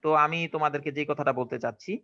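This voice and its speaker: Bangladeshi male English teacher, slightly high voice, dull lo-fi recording. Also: steady tone, very fast, pushed and bright. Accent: Bangladeshi Bengali. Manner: questioning, checks understanding often. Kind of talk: online classroom lesson.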